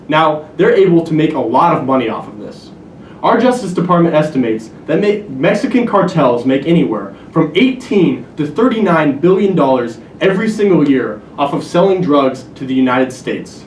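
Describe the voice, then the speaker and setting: A man in his twenties giving a persuasive competition speech as a student contest speaker, earnest and argumentative with dry humor. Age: 20s. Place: university lecture hall. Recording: echoey hall from far off with faint rumble.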